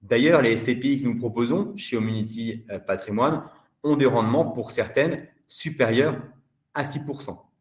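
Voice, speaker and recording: A man giving a steady, measured explanatory webinar presentation as a fund department director. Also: mid-range voice, reverberant.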